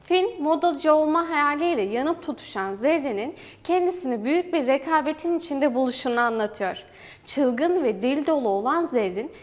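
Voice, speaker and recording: Young woman reading film news, high voice, hall echo. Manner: even, formal read-aloud delivery. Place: university television studio. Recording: hall reverb.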